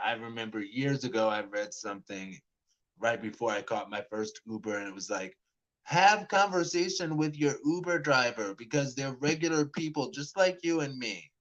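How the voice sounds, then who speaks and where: Here a roughly forty-year-old vlogger rambles casually through a story, often restarting sentences with stammered repeats and performing both sides of the dialogue. He has a medium-pitched, slightly bright voice, and the recording's highs are cut off.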